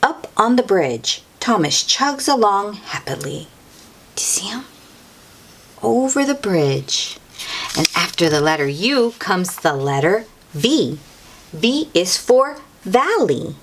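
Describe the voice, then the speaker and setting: Slow and sing-song, with a medium pitch and a breathy edge, a woman hosts a read-aloud of a picture book for kids. She teaches as she reads, repeating and emphasizing key words and addressing the child directly.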